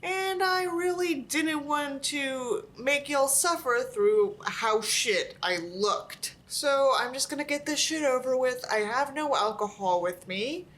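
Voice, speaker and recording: A woman hosts a reading in which she mocks a book, sounding tired and unwell as she comments with weary, sardonic sarcasm and some swearing. Her voice is high-pitched, expressive and a bit bright, and she goes slowly with few pauses.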